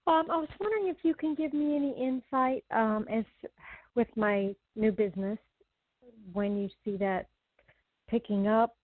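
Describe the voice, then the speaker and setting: A woman's voice: fairly high pitch, moderate pace, no echo. A woman calling in to a psychic advice show over a phone line, talking casually and hesitantly, with many ums and restarts. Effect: heard over a phone line. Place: at home during a thunderstorm.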